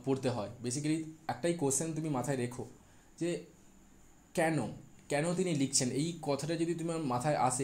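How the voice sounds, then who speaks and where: A man's voice: fairly high pitch, a little mellow. A man giving an exam-prep literature lecture, mixing English terms into his talk with frequent fillers. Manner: explains in Bengali mixed with English terms, many fillers.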